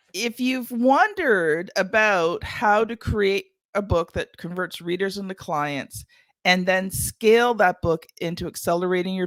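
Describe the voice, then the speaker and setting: A woman hosting an interview podcast, talking briskly about her work and steering the conversation. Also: lowish voice, dry recording. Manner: brisk, affirming. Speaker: podcast host.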